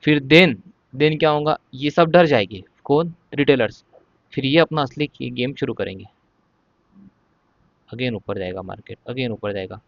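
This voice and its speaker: A man's voice: medium pitch, vocal fry, dry recording, lo-fi sound. A man, explaining trading charts step by step in a casual lesson and often checking in with the listener. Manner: explains step by step, repeats "ठीक है" often, says he will speak slowly. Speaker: stock market trading educator.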